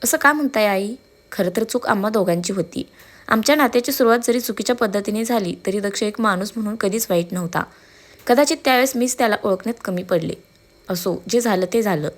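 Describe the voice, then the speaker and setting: Brief: woman voicing a young bride, calm, self-assured, teasing her fiancé. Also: medium pitch, fairly quick, close to an everyday voice. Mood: playful. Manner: calm, playfully firm.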